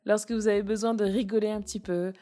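A woman's voice: medium pitch, little pitch movement, fast, warm tone. A woman giving a casual spoken lesson on using the voice, switching between chest, mask and head voice to demonstrate. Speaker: voice coach.

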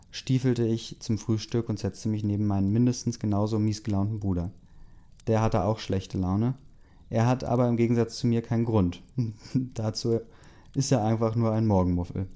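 A man casually reading a fan story aloud and chat comments, with relaxed fillers and asides. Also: on the low side.

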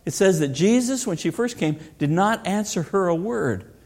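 A middle-aged male pastor delivers a sermon in an earnest, pressing way. He often poses rhetorical questions to the congregation, and his voice sits a little higher than most men's. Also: animated, normal speed, darkish tone.

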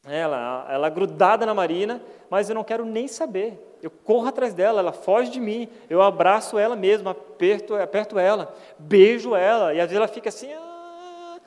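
Man, Brazilian Portuguese accent, pastor, earnest folksy sermon, fairly high voice, long church reverb. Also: fairly quick, hardly any pauses, darkish tone. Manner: earnest, folksy, keeps asking "né?". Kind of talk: conversational sermon. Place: church hall.

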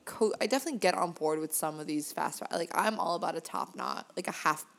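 A woman's voice: lowish voice, quick pace, gravelly, fairly bright tone. A woman co-hosting a podcast in casual chat, full of fillers and restarts, sometimes jumbling her words. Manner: chatty, filler-heavy, trips over words. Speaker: podcast co-host.

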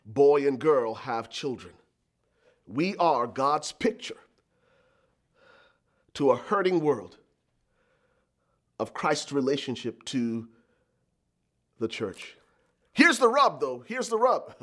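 A man's voice: medium pitch, sing-song, slow pace, long pauses, fairly bright tone. A middle-aged man from Liberia, preaching a sermon as pastor with emphatic, repeated lines and calls to the congregation.

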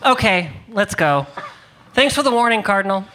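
A woman voicing a cynical, deadpan young pope in a comedic scripted read. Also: medium pitch, normal speed, background noise, close to an everyday voice.

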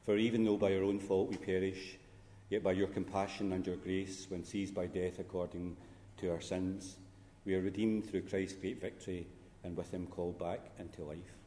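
A man, a priest, reciting funeral Mass prayers in a measured, solemn way, his voice ringing with cathedral echo. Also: low-pitched, flat delivery, mellow, slight background noise. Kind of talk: liturgical recitation. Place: large church. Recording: long reverb in a large church, faint ambience.

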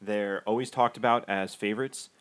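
A man with a fairly low voice chats casually as a podcast co-host. He argues his points firmly and slips in dry sarcasm. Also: fairly even intonation, moderate pace, clear, resonant tone. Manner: opinionated, sarcastic. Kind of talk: casual sports chat.

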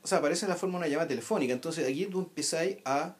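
Chilean man, rapid and emphatic, casual film talk. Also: fairly high pitch. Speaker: film commentator.

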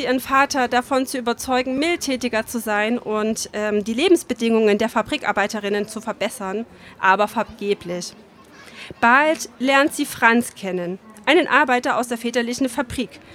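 A woman reading a literary story aloud, retelling parts of it in her own words with calm storytelling and the occasional filler. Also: on the high side, slight background noise. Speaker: reader.

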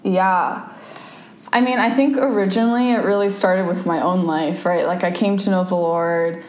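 A young adult woman from Japan, a campus ministry staff member, appears as a guest in a conversational interview, speaking thoughtfully with many fillers and restarts. Her voice is fairly low, steady, a little mellow, at a moderate pace, with roomy echo and faint background noise.

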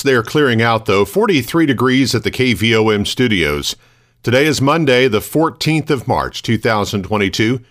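A man hosting a local radio news programme, reading scripted items in a measured, formal announcer delivery. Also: medium pitch, a bit bright.

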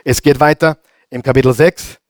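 A man with an Austrian German accent preaching a sermon as pastor. He hammers home repeated phrases, asks the congregation questions, and swings between loud and hushed delivery. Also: mid-range voice, fairly even intonation, normal speed, no room sound, clean studio sound.

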